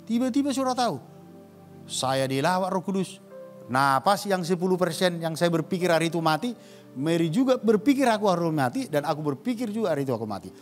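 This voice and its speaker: A man preaching a sermon as pastor, calling out to the congregation and swinging between loud rises and hushed drops. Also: sits high, very animated, brisk, faint music behind.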